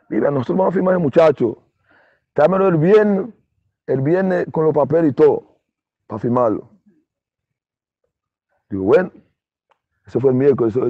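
A man's voice: medium pitch, dry recording. A middle-aged Dominican man, a former ballplayer, telling his story in a casual interview and acting out other people's lines. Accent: Dominican Spanish. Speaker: interview guest, former baseball player. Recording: dull, muffled dry sound.

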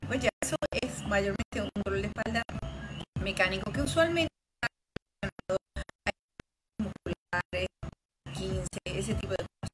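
Woman doctor from Puerto Rico, patient talk, mid-pitched, pauses and restarts, loud music behind. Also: rough recording. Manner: explanatory, with frequent pauses and restarts. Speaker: rheumatologist.

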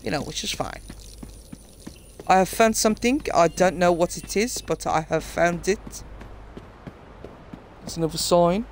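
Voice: mid-range voice, measured pace, pauses often, slight background noise. A game streamer with a British accent, chatting casually and swearing freely while playing. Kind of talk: casual live-stream commentary. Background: game music.

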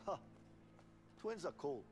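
A man's voice: a little high, very animated, slow, a little hiss or hum. An actor playing an offhand, teasing adult man in a video game, making dry small talk. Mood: curious. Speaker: game background character.

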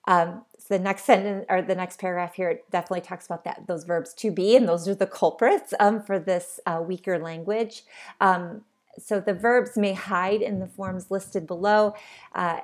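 A woman's voice: fairly low pitch, gravelly. A woman giving a recorded online lecture as a college English instructor, explaining in an unscripted way with many ums and uhs.

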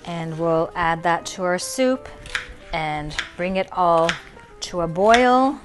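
A woman's voice: fairly low pitch, expressive, takes it slowly, music in the background. A middle-aged woman hosting a cooking show in her home kitchen, explaining each step in a friendly way with a few fillers. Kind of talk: cooking demonstration.

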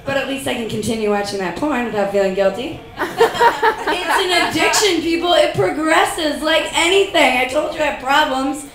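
A woman's voice: high-pitched, expressive, moderate pace. A young woman performing a profane stand-up comedy set, laughing through her punchlines. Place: comedy club stage with live audience. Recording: echoey room, distant mic, audience noise.

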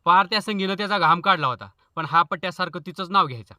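A man's voice: high-pitched, quick pace, bright, forceful tone, no room sound. A man from Maharashtra telling comic stories as a channel host, chatty and joking. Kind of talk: comic storytelling.

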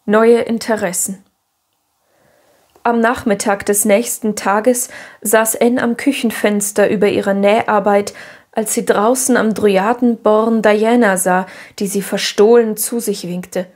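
A woman narrating a children's classic audiobook with clear, expressive storytelling. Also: medium pitch, a little slow.

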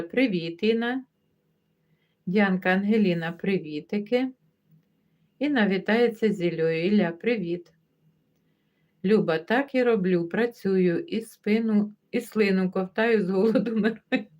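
Woman livestream host, casual chatty comment-reading, middle pitch, muffled stream audio. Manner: chatty, warmly greets viewers by name one after another; easygoing, laughs as she talks. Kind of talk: casual chat, reading viewer comments aloud.

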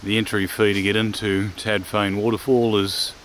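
A man with a lowish, fairly monotone voice narrates a travel vlog while walking around an outdoor park. He talks in a matter-of-fact, unhurried way, filling gaps with "uh", and clear outdoor background noise runs under his voice. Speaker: travel vlogger. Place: outdoors at a forest waterfall park. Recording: noisy outdoor ambience.

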